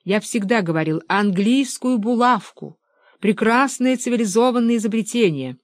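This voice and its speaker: A woman playing a shrill indignant intellectual. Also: expressive, moderate pace, dry recording, natural voice. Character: excitable fussy middle-aged male intellectual.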